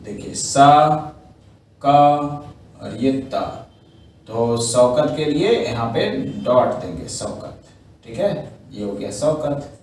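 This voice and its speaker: A man's voice: mid-range voice, expressive, takes it slowly, darkish tone, slight background noise. A man teaching a shorthand class, explaining each step patiently and checking in with his students often. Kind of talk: online class lesson. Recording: echoey room, mic far off.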